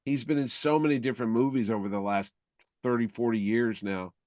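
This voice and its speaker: A man's voice: medium pitch, fairly even intonation, brisk, a little mellow, no room sound, studio quality. Chatty middle-aged man co-hosting. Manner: chatty, rambling, opinionated. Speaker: podcast co-host. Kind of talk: casual film-review chat.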